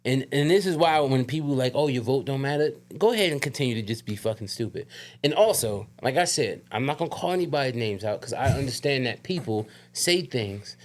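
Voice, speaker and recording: A man's voice: medium pitch, expressive, brisk. Fired-up man with a slight lisp. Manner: emphatic, fired-up, profane, ranting. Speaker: podcast co-host. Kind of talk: casual heated podcast chat.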